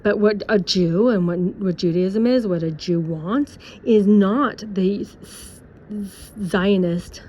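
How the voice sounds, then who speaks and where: A woman's voice: medium pitch, slow pace, warm tone, a little hiss or hum. A woman talking to camera in a personal opinion monologue, full of rhetorical questions and sarcastic asides. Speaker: vlogger. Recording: dull lo-fi recording.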